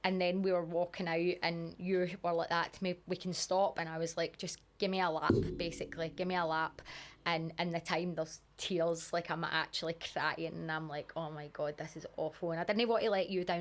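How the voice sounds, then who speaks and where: A Scottish woman co-hosting a podcast, telling a story in a casual, animated way and swearing freely. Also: fairly low pitch, brisk. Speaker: podcast co-host. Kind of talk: casual chat.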